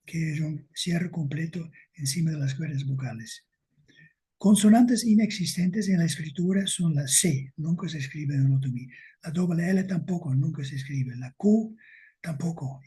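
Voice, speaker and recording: A man giving an academic lecture with slides, speaking slowly and deliberately and checking in with his listeners. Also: a little high, warm tone, husky.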